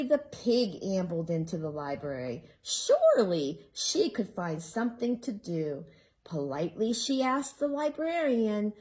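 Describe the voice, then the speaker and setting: A woman librarian reading a picture book aloud to children, slow and expressive, with friendly asides to the kids. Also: mid-range voice.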